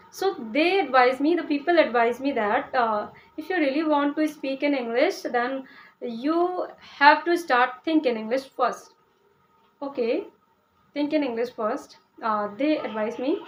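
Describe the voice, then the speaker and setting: A young Hindi-speaking woman from Uttar Pradesh, India, talks casually to camera about learning English in a high-pitched voice. She sounds hesitant, filling her speech with "uh," restarting often, and checking in with "okay?". The recording is rough.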